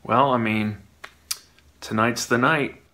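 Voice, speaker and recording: A man, a guest illustrator chatting informally and haltingly as he explains his craft. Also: mid-range voice, fairly even intonation, bright, forceful tone. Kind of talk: casual explanatory chat.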